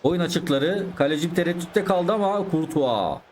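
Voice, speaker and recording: A man's voice: fairly high pitch, expressive, normal speed, a little mellow. A man giving chatty live commentary over his own football video game, talking to his viewers and exclaiming at the plays. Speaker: gaming YouTuber.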